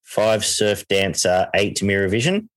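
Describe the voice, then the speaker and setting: Low-voiced Australian man, casual racing tipster. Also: sing-song, measured pace, fairly bright tone, no room sound. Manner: conversational, thinking aloud. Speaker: horse racing podcast host and tipster. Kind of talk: casual racing preview chat.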